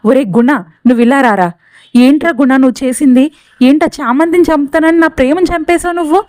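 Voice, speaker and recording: A woman voicing a jealous, scheming young woman who talks sharp and accusing. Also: high-pitched, steady tone, fairly quick, no room sound, close to an everyday voice.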